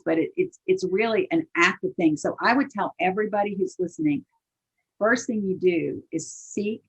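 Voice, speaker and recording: An older woman with a gravelly, husky voice speaks as an interview guest, setting her thoughts down in halting bits and restarting her sentences. Her pitch sits on the low side. The recording sounds dull and lo-fi. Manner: halting, restarts and repeats words. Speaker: interview guest, singer-songwriter. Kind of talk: casual conversation. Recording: dull lo-fi audio.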